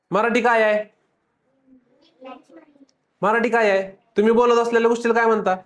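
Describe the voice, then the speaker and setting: With a high voice, a male teacher runs a relaxed lesson for the kids before him, firing off rapid repeated questions and teasing them playfully to keep the class going.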